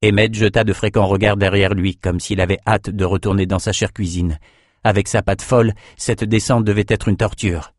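A man narrating an audiobook in a steady, measured voice. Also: lowish voice, no echo.

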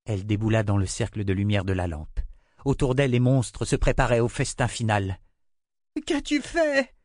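A man narrating a fantasy children's audiobook in a steady storytelling manner. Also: on the low side, brisk, no room sound, studio quality. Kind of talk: scripted narration.

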